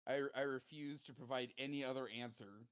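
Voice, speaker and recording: A man's voice: mid-range voice, fairly even intonation, fairly quick. A man chatting through a tabletop war game with friends. He jokes in a mock-evasive way and refuses to give straight answers. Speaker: player. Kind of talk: casual game chat.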